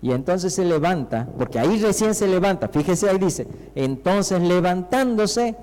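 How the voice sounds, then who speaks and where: A male pastor with an Argentine accent preaches in a fairly high voice, drawing the congregation in with rhetorical questions and acted-out cries. His voice carries a long reverb from the church hall around him. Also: animated, moderate pace, a little hiss or hum. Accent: Argentine Spanish. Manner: conversational preaching, rhetorical questions, acts out shouting disciples. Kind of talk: sermon.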